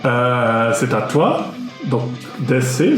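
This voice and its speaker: A man's voice: mid-range voice, lively intonation, extremely slow. A man speaking as game master, running a tabletop game in a conversational way. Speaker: game master and host of the show. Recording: echoey room, loud music underneath. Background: loud music.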